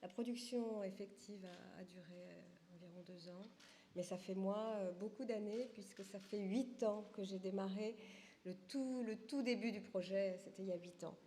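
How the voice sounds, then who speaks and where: A woman's mid-pitched voice carries through a reverberant hall with slight noise behind it. She introduces a screening informally, as someone involved in the production. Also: moderate pace, dark tone. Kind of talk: informal presentation to an audience. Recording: echoey hall, faint noise.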